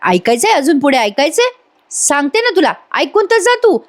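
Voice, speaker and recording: A scheming older village aunt, put on by a woman retelling a serial, who wheedles and pleads. The voice sits a little high, and the manner is pushy and rural. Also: big pitch swings, moderate pace. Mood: urgent.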